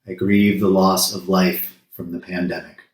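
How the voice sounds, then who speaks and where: In a spacious, echoing room, a low-voiced man leads a solemn spoken ritual the way a worship leader addresses a congregation. He keeps his delivery very flat and even, speaking in short, measured phrases separated by pauses.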